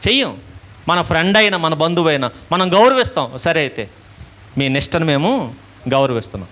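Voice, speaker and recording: A man's voice: a little high, very animated, a little fast, bright, forceful tone. A male preacher giving a sermon, asking questions and answering them himself while acting out little dialogues.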